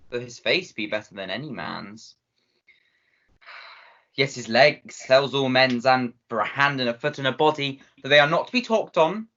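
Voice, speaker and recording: A bawdy old nurse groaning about her aching bones, played by a young woman. The voice sits fairly low, and the recording is slightly muffled. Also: a bit bright, heavily acted. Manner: groaning, drawn-out complaining. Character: old female nurse, weary, bawdy, teasing. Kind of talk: Shakespearean stage acting.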